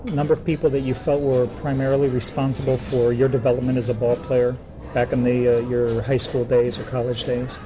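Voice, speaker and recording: A man conducting an oral history interview, asking measured questions with frequent fillers. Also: medium pitch, little pitch movement, low-quality recording.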